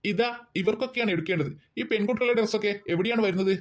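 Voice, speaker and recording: A woman doing a stern, rapid-fire cartoon dad. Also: mid-range voice, lightly acted. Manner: bossy, lecturing, hurried. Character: stern thrifty father of two girls. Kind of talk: cartoon voice acting.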